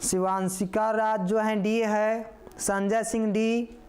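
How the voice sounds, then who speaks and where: A man's voice: sits high, little pitch movement, slow pace, darkish tone, slight background noise. A man teaching a live online grammar lesson. He repeats answers over and over, calls the viewers "yaar" and reads out their comment answers.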